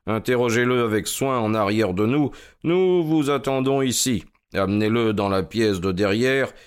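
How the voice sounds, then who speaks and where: An actor playing a keen, commanding male detective who gives brisk orders in a radio drama. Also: medium pitch, clear, resonant tone, close to an everyday voice.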